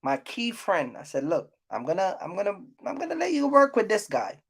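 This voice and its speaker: This YouTube host's medium-pitched voice swoops wildly and carries a breathy edge as she talks fairly quickly. She's ranting off the cuff about trucking businesses, bluntly scolding her audience and repeating key points.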